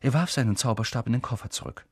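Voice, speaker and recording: A man narrating an audiobook with expressive, lively storytelling. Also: medium pitch, quick pace, husky, no echo, studio quality.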